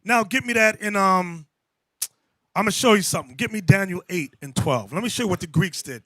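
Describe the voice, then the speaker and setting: Bishop guy preaching, high bright voice, dry close sound, bossing folks thru verses. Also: brisk, dry recording. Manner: commanding, calls out verses and explains each one. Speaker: bishop teaching a class. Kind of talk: preaching Bible lesson.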